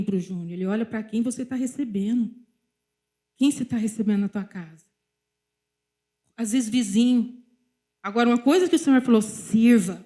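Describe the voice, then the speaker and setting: A woman with a Brazilian Portuguese accent preaches in a somewhat high voice. She is middle-aged and tells personal stories to a church congregation, turning to speak straight to them again and again. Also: dark tone. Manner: storytelling, often addressing the congregation directly. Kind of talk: sermon with personal testimony.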